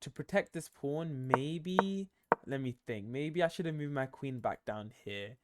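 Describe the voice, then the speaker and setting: A man's voice: mid-range voice, unhurried, background noise. A tired young man commenting on his own chess game, thinking aloud with many ums and self-corrections. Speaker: chess streamer.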